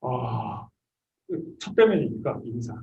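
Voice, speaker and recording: With a medium-pitched, darkish voice marked by big pitch swings and vocal fry, a South Korean medical school professor in his fifties speaks slowly, giving graduate students a conversational introductory lecture. The dull audio comes from a distant microphone in an echoey room.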